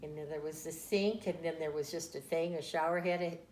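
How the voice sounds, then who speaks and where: A woman's voice: low-pitched, fairly even intonation, fairly quick, a little mellow, a little hiss or hum. An older woman chatting fondly as she tells family stories, often laughing at her own tales. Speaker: interviewee. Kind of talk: casual family storytelling. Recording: echoey room with faint ambience.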